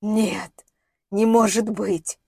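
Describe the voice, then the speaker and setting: A woman's voice: medium pitch, moderate pace, darkish tone, no echo, clean studio sound, natural voice. Woman reading as a desperate father, pleading. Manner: strained, pleading outbursts. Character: desperate middle-aged man searching for his missing daughter.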